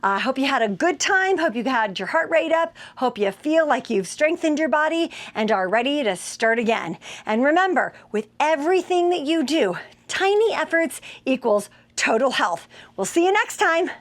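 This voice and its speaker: A middle-aged woman leading a workout as an encouraging, energetic instructor, calling out short motivational cues while exercising. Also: sits high, moderate pace. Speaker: fitness instructor, host. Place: inside a motorhome living area. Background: music.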